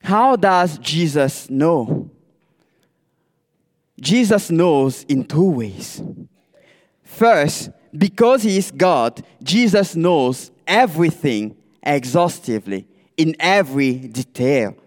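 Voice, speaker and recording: A man preaching a sermon as a ministerial candidate, speaking deliberately and posing rhetorical questions to the congregation. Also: a little high, lively intonation, in a large hall.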